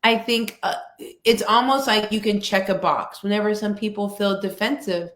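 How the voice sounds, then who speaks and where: Woman guest, mid pitch, measured and emphatic, video call, roomy echo. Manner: steady, measured delivery; emphatic, rhetorical "right?". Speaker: guest speaker. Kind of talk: conversational interview answer. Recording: echoey room.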